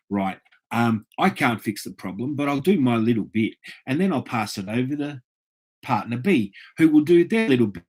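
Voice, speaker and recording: An Australian man hosting his own casual opinion talk, plain-spoken and rambling, often repeating himself. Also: mid-range voice. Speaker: vlog host.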